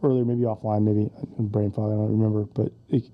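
A man's voice: fairly low pitch, flat delivery, a little fast, dull audio. A man co-hosting a podcast, chatting casually, swearing often and acting out quotes with laughs. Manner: profane, laughing, acts out quotes. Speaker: podcast co-host. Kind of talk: casual chat.

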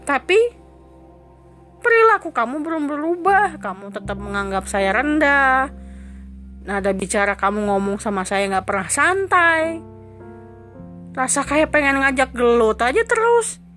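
A woman's voice: high voice, animated, unhurried, long pauses, bright, forceful tone, soft background music. A woman in an emotional dramatic monologue, confronting her husband in a reproachful, indignant voice and driving her accusations home with insistent repetition.

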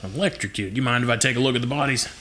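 A man's voice: medium pitch, racing, pushed and bright. A man playing a tabletop game, chatting casually and improvising as he goes. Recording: background noise.

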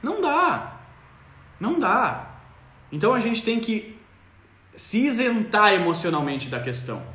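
A man hosts a parenting live stream from a roomy space that leaves a clear echo on his voice. He speaks high and swoops through his pitch, acting out parents and children in an animated way. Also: unhurried. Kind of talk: casual live-stream advice.

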